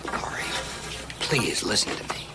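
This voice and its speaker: A man acting as an anxious, gentle middle-aged American father in a 1960s TV western, pleading in hushed tones that rise with distress. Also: measured pace, heavy background noise, close to an everyday voice. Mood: desperate pleading. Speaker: actor in a TV western.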